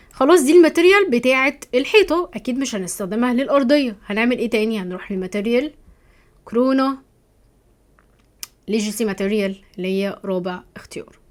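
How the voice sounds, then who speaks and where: Quick egyptian lady walking you through software, a bit high, keeps checking you're following. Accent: Egyptian Arabic. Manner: chatty, keeps asking "تمام؟", thinks aloud while clicking. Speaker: software course instructor. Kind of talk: screen-recorded tutorial.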